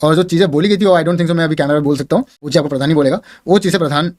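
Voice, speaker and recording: Fast-talking male streamer. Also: on the high side, darkish tone. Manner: emphatic, mixing English phrases into Hindi. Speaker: gamer streamer. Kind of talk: casual talk to camera.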